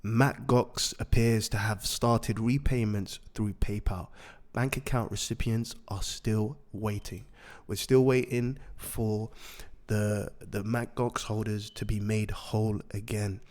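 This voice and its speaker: A man with a raspy voice hosting a market update, repeating and rephrasing his points for emphasis. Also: fairly low pitch, fairly even intonation, slow, a little mellow. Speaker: host of a daily crypto news show.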